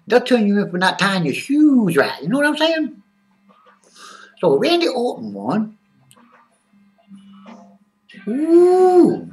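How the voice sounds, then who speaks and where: A man's voice: high voice, recorded from a distance. A man voicing a zany, boastful male wrestling-fan character who drawls and talks about himself in the third person.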